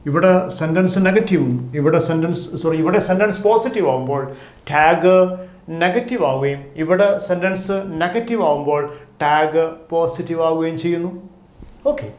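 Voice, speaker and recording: A man's voice: fairly high pitch, normal speed, darkish tone. A man with a Kerala accent teaching a spoken English grammar lesson, saying each example twice and stressing the question tags. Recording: echoey room.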